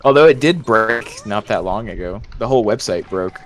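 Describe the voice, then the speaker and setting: A man with a fairly low voice chatting casually during an online game, his thoughts often trailing off and starting over. Faint hiss sits under the voice. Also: lively intonation, normal speed. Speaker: gamer on voice chat. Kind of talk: casual gaming chat.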